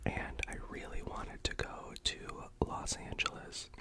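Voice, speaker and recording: Slow, hushed whisperer with an American accent, chewing while talking. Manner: casual, rambling, self-effacing personal storytelling. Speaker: video creator and actor. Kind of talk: whispered ASMR mukbang storytelling.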